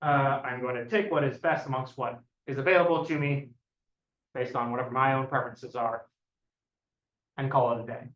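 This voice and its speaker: A man giving an academic thesis defense presentation as a doctoral candidate, explaining in a hesitant, halting way with self-corrections. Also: mid-range voice, steady tone, fairly bright tone. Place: echoey indoor room. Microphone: distant room microphone. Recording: dull, echoey room, distant mic.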